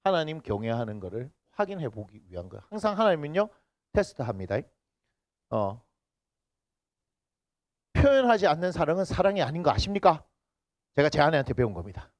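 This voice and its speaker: A man's voice: fairly high pitch, very animated, brisk, long pauses, dry recording. A man from Busan with a Gyeongsang accent, preaching a sermon as a pastor and teasing and bantering with his congregation. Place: church sanctuary. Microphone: handheld microphone.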